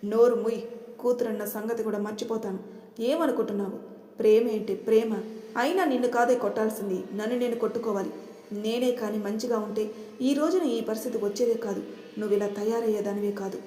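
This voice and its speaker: A woman's voice: medium pitch, steady tone, brisk, dark tone, close to an everyday voice. A woman voicing a stern middle-aged mother full of remorse. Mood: fierce. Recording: roomy reverberant room.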